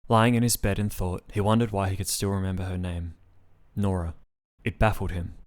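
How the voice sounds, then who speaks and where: A man narrating his own written story in a steady, plain reading style. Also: deep voice, brisk.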